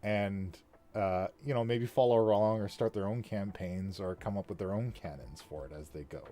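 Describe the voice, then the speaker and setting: A man hosting a casual chat about building a fantasy world, talking in a lively way with frequent laughs and restarts. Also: lowish voice, normal speed, soft background music. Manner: animated, laughs often, trailing restarts. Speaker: podcast host and worldbuilder.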